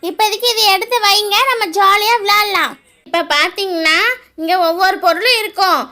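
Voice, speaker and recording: A woman's voice: very high voice, steady tone, brisk, sharp tone. A woman doing a bossy big-sister doll. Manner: bossy, lays down rules. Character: bossy older-sister girl doll running a game. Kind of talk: doll-play voice acting.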